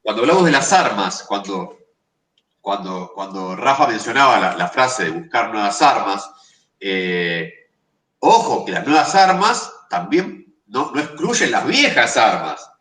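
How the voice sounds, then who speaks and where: A man's voice: fairly low pitch, big pitch swings, unhurried, sharp tone. A man speaking emphatically as a panelist in an online discussion. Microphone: video call. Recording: roomy, distant from the mic.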